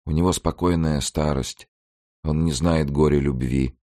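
A man voicing an elderly grandmother who pleads in a creaky, flat and dull voice. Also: rumbling low, a little slow. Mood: flat pleading.

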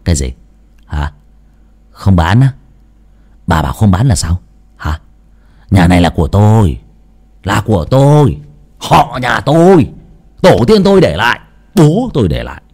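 A man's voice: on the low side, very animated, unhurried, pauses often, a little mellow, exaggerated voice. A man voicing a rude, arrogant young son snapping at his mother. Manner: snapping, mocking, rough.

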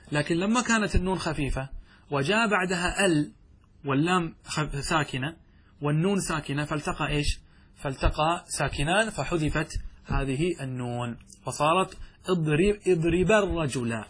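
A man teaching Arabic grammar in a lesson, questioning his students and reciting verse slowly. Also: fairly high pitch, breathy edge. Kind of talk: classroom lesson explaining grammar.

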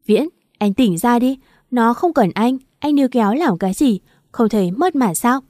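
A woman's voice: fairly high pitch, expressive, moderate pace, a little mellow, dry recording, clean studio sound, lightly acted. A woman voicing a scheming, brazen pregnant young woman who taunts and laughs scornfully, in a storybook reading. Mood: mocking.

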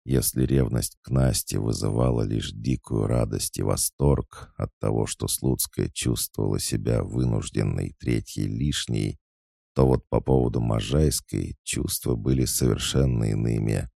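A man's voice: extremely low pitch, steady tone, a little slow, gravelly, warm tone, no room sound, clean studio sound. A man reading a novel aloud, with dramatic, mocking storytelling. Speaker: audiobook narrator. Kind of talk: scripted narration.

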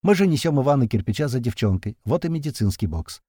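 A man's voice: medium pitch, very animated, warm tone, slightly rough, no echo, studio quality. Slangy male narrator reading combat action. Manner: slangy, swearing, fast-moving action telling. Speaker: audiobook narrator. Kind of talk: first-person action narration.

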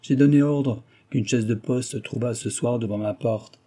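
In this audiobook, a male narrator voices a proud, agitated gentleman who has been ruined and turned bitter, his resentful speech driven high and loud over a dark, husky base. Every phrase lands with vehemence, yet the pace stays normal and close to an everyday voice.

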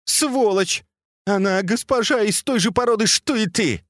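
A man reading aloud, voicing an imperious, sharp-tongued noblewoman who scolds and commands her servants. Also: deep voice, big pitch swings, a little slow, no echo, studio quality, voice pushed up. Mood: contemptuous.

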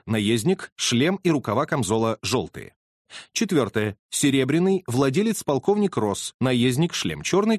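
A man narrating a story in a scripted reading, his pitch moving a great deal from phrase to phrase. The sound is close and dry, with no echo around him. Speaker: audiobook narrator.

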